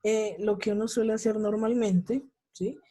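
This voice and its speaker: A man teaching an English class over a video call. He explains patiently, checks in with his students after almost every point and repeats example words slowly. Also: sits high, fairly even intonation, dark tone. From Colombia.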